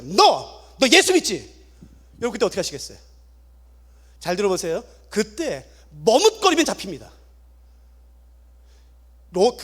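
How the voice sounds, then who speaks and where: A man's voice: high-pitched, fairly bright tone. A man pastor preaching a dramatic sermon at a prayer meeting, often questioning the congregation.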